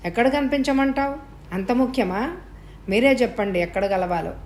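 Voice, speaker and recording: A woman's voice: a little high, normal speed, a little mellow, slight background noise, lightly acted. A woman reading the part of a scheming, suspicious young man who asks incredulous questions in an audio story.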